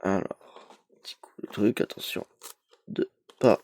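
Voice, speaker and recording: A young man who has a cold chats hesitantly, full of fillers, as he opens an advent calendar for his collection vlog in a casual unboxing. He speaks at a measured pace with a darkish tone, and there's slight background noise.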